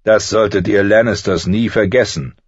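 A man's voice: fairly low pitch, normal speed, slightly rough, no room sound. A man doing a curt, stern young lord. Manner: curt and firm. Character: stern young lord, protective older brother. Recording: slightly dull audio.

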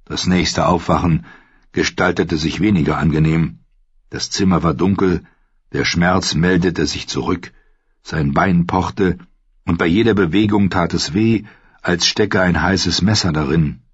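A man giving scripted audiobook narration, calm and measured. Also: sits low, husky, no echo, highs cut off.

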